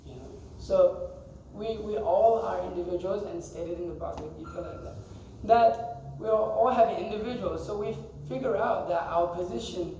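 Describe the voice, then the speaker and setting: A man's voice: high voice, normal speed, dark tone, a little hiss or hum. A man teaching a scripture class to a group in a temple, talking conversationally, quizzing the audience and laughing often. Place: temple hall. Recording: echoey hall, mic far off.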